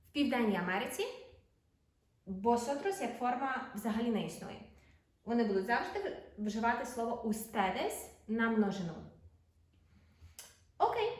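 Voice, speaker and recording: A woman teaching a language lesson, explaining briskly and slowly drilling words one at a time with clear enunciation. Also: on the high side, reverberant. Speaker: Spanish teacher.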